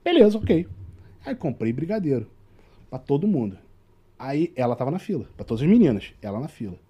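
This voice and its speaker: A man's voice: on the high side, big pitch swings, brisk, mellow, slightly rough. A man with a Brazilian Portuguese accent, a tour guide guest telling a story in casual chat and acting out the dialogue.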